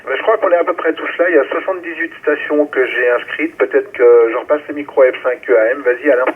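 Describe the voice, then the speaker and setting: A man acting as net controller runs a ham radio round-table, calling stations by call sign in an informal way. His voice is husky, quick and on the high side. It comes through a radio transceiver microphone as a muffled, narrow-band amateur radio relay.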